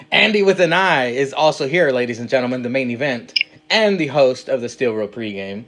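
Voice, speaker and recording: A man hosting a casual podcast interview, upbeat and quick to laugh at himself. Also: medium pitch, expressive, fairly bright tone. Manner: upbeat, laughs easily, self-mocking. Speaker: podcast host.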